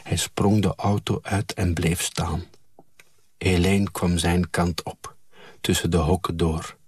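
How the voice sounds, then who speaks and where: A man reading a novel aloud in a low, husky voice, slow and measured. He is recorded close and dry, with no room around him. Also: dry recording. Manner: calm, measured storytelling. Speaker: audiobook reader. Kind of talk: scripted narration.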